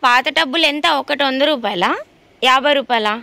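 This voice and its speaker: Lady fussing over her dogs, high voice, teasing and doting. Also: fairly quick, pushed and bright, dry recording. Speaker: vlogger talking to her pet dogs. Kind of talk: casual pet vlog chatter.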